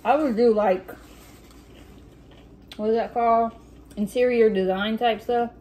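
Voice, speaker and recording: A woman chatting casually as a vlog host while eating soup in a mukbang, reading out questions and pausing to clear her throat. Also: on the high side, steady tone, mellow, low-quality recording. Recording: noticeable room noise with dish and cutlery clatter. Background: clinking cutlery and dishes.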